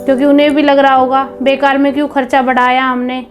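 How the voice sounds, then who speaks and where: A woman playing a caring mother-in-law who gently advises her daughter-in-law in a family drama. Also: high-pitched, little pitch movement, fast talker, lightly acted. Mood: advising. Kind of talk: scripted home video family drama. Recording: background music under dialogue.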